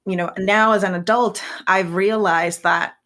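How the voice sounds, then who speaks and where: Steady and fairly bright, a medium-pitched woman's voice moves at a measured pace. She's a scientist from Puerto Rico in her thirties whose first language is Spanish, reflecting as a podcast guest with frequent restarts and repeated words.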